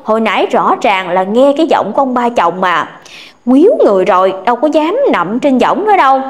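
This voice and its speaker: A woman's voice: fairly high pitch, brisk. Lady spinning a ghost tale, chatty and dramatic, swoops all over. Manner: animated, colloquial, dramatic. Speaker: ghost story narrator. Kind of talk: storytelling.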